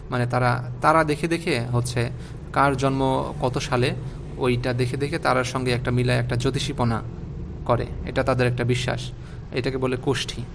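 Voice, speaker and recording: Gravelly male online spelling teacher. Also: mid-range voice, slight background noise. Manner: patient, repeats words and checks with "okay?".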